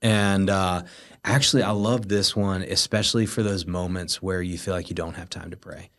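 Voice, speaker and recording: A man's voice: sits low, steady tone, normal speed, fairly bright tone. A middle-aged man teaching in a casual, conversational way, with informal, loosely phrased talk. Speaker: host of a prayer teaching series.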